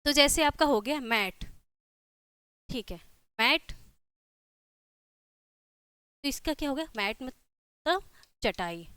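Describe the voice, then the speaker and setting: A woman's voice: sits high, animated, unhurried, sharp tone, smooth, dry recording. A woman with a Hindi accent teaching a class, repeating points and checking in with "theek hai" after nearly every phrase. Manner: repeats herself with constant "ठीक है" checks. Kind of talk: classroom lecture.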